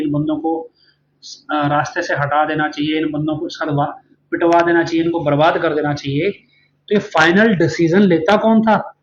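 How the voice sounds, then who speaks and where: Earnest man telling a story, dull lo-fi. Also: fairly high pitch. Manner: earnest, explanatory, asks rhetorical questions. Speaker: channel host and former follower. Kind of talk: storytelling monologue. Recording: dull lo-fi sound with faint background noise.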